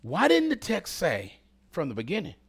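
A man preaching a sermon, talking directly to the congregation and swinging between loud calls and hushed whispers. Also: a little high, wildly swooping pitch, moderate pace, husky.

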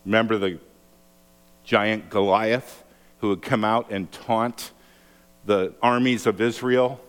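A man preaching a sermon, telling stories with lively acted-out quotes. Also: slow, smooth. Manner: animated storytelling, acts out quotes with raised pitch. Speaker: pastor. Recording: long hall reverb.

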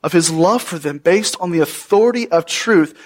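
A male pastor with a notably high voice delivers a Bible sermon. He speaks earnestly and with emphasis, often turning to the congregation with questions. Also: normal speed.

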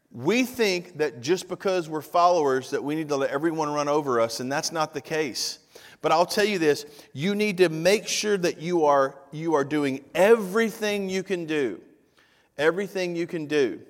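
A man in his fifties, a pastor preaching a conversational sermon with frequent direct asides to the congregation. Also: a little high. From Tennessee. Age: 50s. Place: church sanctuary. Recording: long reverb of a church hall.

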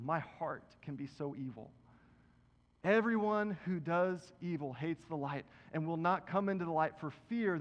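A man preaching a sermon, reading scripture aloud and talking to the congregation in a casual way. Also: on the high side. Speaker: pastor. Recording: dull, reverberant hall.

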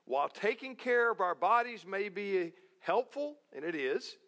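A man's voice: sits high, animated, a little slow, fairly bright tone. A male pastor preaching a sermon in a folksy, joking way, repeating key phrases for emphasis. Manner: folksy, jokey, emphatic repetition.

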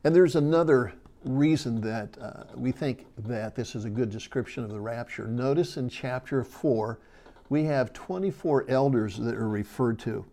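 Mellow-voiced man teaching scripture. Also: mid-range voice. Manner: earnest and explanatory, with fillers and slow emphasis on key words. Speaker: Bible teacher. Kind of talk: sermon-style Bible teaching.

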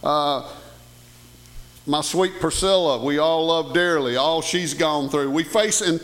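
Folksy preacher in an echoey church. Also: male voice, a little high, takes it slowly, fairly bright tone. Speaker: pastor. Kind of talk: sermon. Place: church sanctuary. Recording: echoey hall with long reverb.

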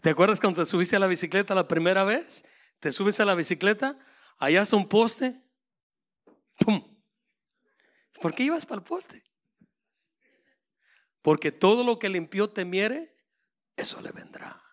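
A man preaching a sermon with passion, swinging between loud proclaiming and hushed, intimate asides. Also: high-pitched, animated, normal speed, long pauses.

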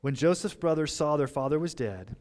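A male pastor preaching an expository sermon, shifting between loud emphatic points and quiet asides and asking the congregation rhetorical questions. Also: fairly high pitch, lively intonation, fairly quick. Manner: conversational, explaining scripture with rhetorical questions.

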